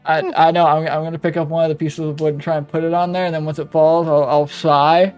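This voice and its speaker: A man's voice: on the high side, level tone, fast talker, a little mellow, smooth, faint music behind. A man in his twenties voicing his character in a tabletop game, often stammering and exasperated. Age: 20s. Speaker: player. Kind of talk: casual in-character play.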